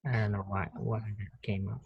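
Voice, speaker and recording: A man's voice: lowish voice, little pitch movement, moderate pace, creaky, phone-quality sound, a little hiss or hum. A man teaching a nursing class over a video call, talking casually, restarting sentences and quizzing students. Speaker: nursing professor. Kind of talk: online class lecture.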